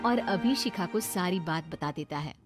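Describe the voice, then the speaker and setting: A woman narrating a cartoon family story in a calm, plain storytelling manner. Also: on the low side, moderate pace, music in the background.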